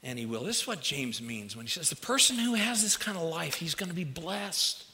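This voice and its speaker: Speaking to a congregation in a big, echoing hall, a preacher with a fairly high, bright voice talks to his listeners directly, telling anecdotes in a folksy, conversational way. He is very animated and a little fast, his words slightly shaped by a dental retainer, with some hiss or hum on the recording.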